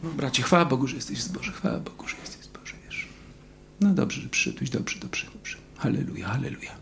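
A man voicing a sly, falsely pious male churchgoer who speaks in a hushed, sneering half-whisper. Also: medium pitch, lively intonation, a little fast, gravelly, background noise, pitched below the performer's own voice.

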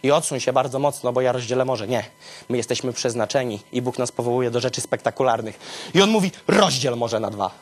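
A man preaching in an animated storytelling style, talking straight to his listeners and swinging from low murmurs to high exclamations. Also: fairly quick.

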